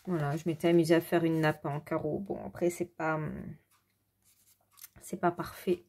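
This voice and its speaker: A woman casually showing her coloring books, rambling with fillers and quick self-corrections. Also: sits low, level tone, warm tone. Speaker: adult coloring hobbyist. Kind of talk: casual show-and-tell.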